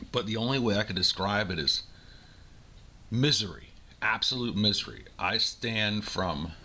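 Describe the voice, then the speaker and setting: A man in his forties with a very low, bright and forceful voice. He rants informally in the first person, sounding aggrieved and exasperated. His delivery is blunt, with words repeated for emphasis. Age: 40s. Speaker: career chef. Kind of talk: first-person rant to the listener.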